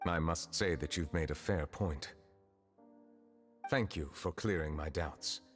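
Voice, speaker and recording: An actor voicing a solemn, dignified male chief justice in a video game, formal, measured and melancholy. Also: extremely low pitch, soft background music. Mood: formal, reserved.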